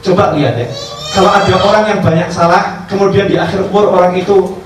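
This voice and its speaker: A man, a religious teacher telling stories in a sermon, acting out dialogue in lively voices. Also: high voice, fast talker. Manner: animated storyteller acting out dialogue. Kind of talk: sermon storytelling. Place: cafe gathering. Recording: echoey distant room recording, faint background noise.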